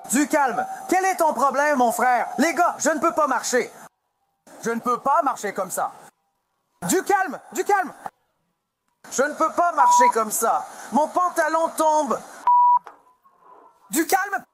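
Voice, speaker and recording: A man's voice: extremely high pitch, animated, takes it slowly, pauses often, noisy background. A man being arrested at an airport, agitated and pleading, swearing as he argues. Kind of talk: dubbed bodycam footage. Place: airport security area.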